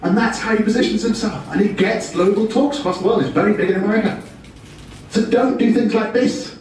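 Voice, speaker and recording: A British presenter with a fairly high, slightly mellow voice delivers a brisk business talk peppered with wry, self-deprecating humor. Recorded from afar, his words echo around a very reverberant function room over a faint layer of noise.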